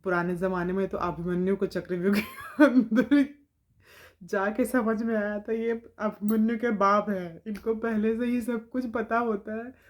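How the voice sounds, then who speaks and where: A woman's voice: medium pitch, fairly even intonation, unhurried. A woman vlogger telling a funny everyday story in a casual, chatty way, often laughing as she talks.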